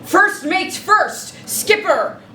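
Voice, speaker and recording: A pompous one-eyed pirate king snaps and threatens , as a woman plays him. The voice is high, bright and lively. It rings in a roomy theatre, picked up from far off. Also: very slow, a little hiss or hum, full character voice. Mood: haughty. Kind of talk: improvised live role-play.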